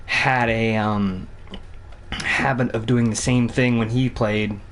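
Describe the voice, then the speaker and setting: A young man from Vermont streaming a hockey game, chatting casually and thinking out loud with some cursing. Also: medium pitch, fairly even intonation, slow, a little hiss or hum. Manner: rambling, cussing, thinks out loud. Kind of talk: casual gaming commentary.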